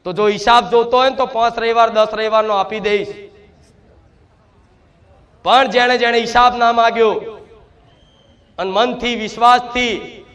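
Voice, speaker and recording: A man's voice: very high-pitched, fairly even intonation, moderate pace, pauses often, a bit bright. A man preaching a sermon to devotees, speaking in first person as the mother goddess and repeating fervent rhetorical questions.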